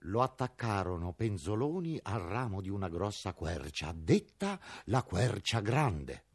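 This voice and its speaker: Male narrator, husky, lively swooping pitch, theatrical storybook reading. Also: measured pace.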